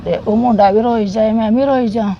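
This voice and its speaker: A middle-aged woman with a Punjabi accent from the Jammu region, a soldier's widow recounting memories in a plain, halting way with repeated phrases. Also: a little high, fairly even intonation, muffled recording, very noisy.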